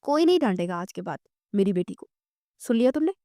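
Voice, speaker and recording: A woman's voice: mid-range voice, sing-song, brisk, mellow, no echo, studio quality, voice pushed down, close to an everyday voice. A woman voicing a doting middle-aged father who indulges his daughters. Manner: affectionate, indulgent.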